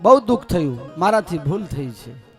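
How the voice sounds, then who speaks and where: A man's voice: sits high, big pitch swings, moderate pace, a bit bright, faint music behind. A man from Gujarat preaching a devotional scripture story, with humorous asides to the audience. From Gujarat, India. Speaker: katha preacher.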